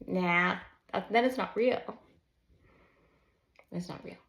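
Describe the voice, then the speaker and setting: In an untreated room full of roomy echo, a woman in her early forties sits at her desk and reads her own manuscript for an unscripted personal vlog, recorded live and unedited at home. She's a counselor and children's book author; her fairly low, fairly bright voice carries vocal fry, and she speaks candidly, a little nervously, haltingly, and self-consciously.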